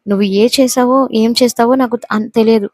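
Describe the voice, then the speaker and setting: A woman's voice: on the high side, steady tone, quick pace, a little mellow, no echo, close to an everyday voice. Woman reading as a sneering cruel young husband. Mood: menacing scorn. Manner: mocking, menacing, sneering.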